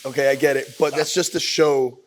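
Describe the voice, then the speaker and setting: A man's voice: medium pitch, steady tone, fairly quick. A man hosting a casual chat, easygoing and laughing often, slipping between English and Spanish. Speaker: host.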